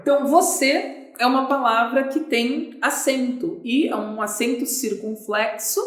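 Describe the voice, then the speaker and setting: A woman's voice: on the high side, a little slow. A Brazilian woman teaching an online grammar lesson, chatty, asking and answering her own questions. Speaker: Portuguese teacher. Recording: echoey room.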